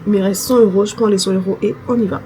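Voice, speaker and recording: A young female vlogger chats to the camera at a fast clip, her mid-range voice warm and steady. Caught on a noisy phone recording, she thinks aloud and talks to herself as she goes, filling gaps with fillers.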